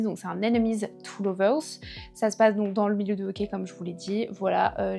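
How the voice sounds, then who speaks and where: A woman's voice: mid-range voice, vocal fry, darkish tone. A young woman chatting casually about her book series, talking with frequent fillers and restarts as a book vlogger. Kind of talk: casual book review chat.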